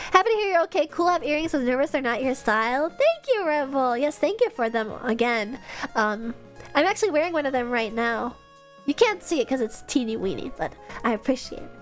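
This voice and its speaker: She is a young woman streamer with a stuffed-up nose, chatting at a normal pace in a high, very animated voice. Faint music plays as she giggles over fan messages in a casual live-stream chat.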